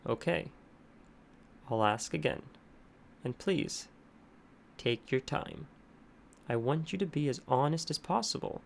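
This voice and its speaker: A man's voice: a little high, animated, slow pace, gravelly, pauses often, a little hiss or hum, voice pushed up, exaggerated voice. A man doing a patient, soothing male therapist. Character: calm adult male therapist, patient then stern.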